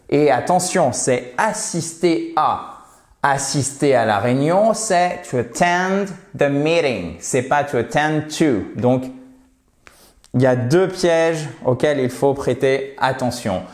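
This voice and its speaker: A man's voice: medium pitch, roomy sound. A man teaching English to French speakers, calling his viewers "chers amis" and modelling example sentences. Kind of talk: French-language English lesson.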